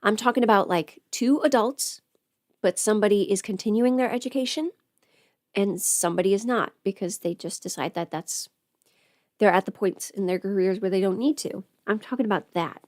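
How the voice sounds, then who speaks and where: A woman's voice: medium pitch, normal speed, darkish tone, no room sound, clean studio sound. A woman who is sick with a cold, chatting casually on a livestream in a self-deprecating, playfully sarcastic way. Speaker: audio script performer hosting a livestream. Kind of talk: casual rambling livestream chat.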